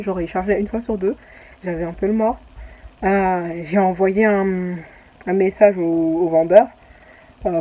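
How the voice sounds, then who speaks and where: Young woman, casual vlog chat, rambling and restarting, low mellow voice, faint room noise. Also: dull audio. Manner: rambling, lots of fillers and restarts. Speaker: vlogger.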